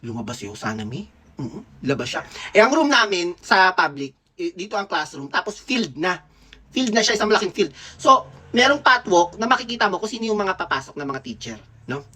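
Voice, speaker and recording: A man's voice: high voice, sing-song, fairly quick, sharp tone. A man in his thirties from the Philippines, a dentist telling a school memory in casual, playful, gossipy storytelling. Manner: gossipy, playful, laughs often. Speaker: dentist vlogger.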